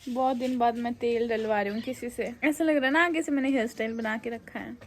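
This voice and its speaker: A woman's voice: on the high side, fairly even intonation, a little fast. A woman in her twenties talking casually into her phone for a home vlog, chatting and coaxing her small daughter along. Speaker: vlogger and mother. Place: at home and in a car.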